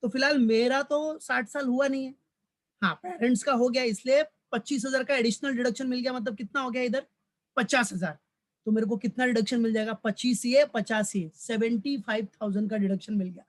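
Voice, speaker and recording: A commerce lecturer at a college, voice very high, intonation fairly even and pace a little fast, delivers a recorded tax lecture switching between Hindi and English. With a fatherly touch he addresses students as "beta," repeats his points and answers his own questions.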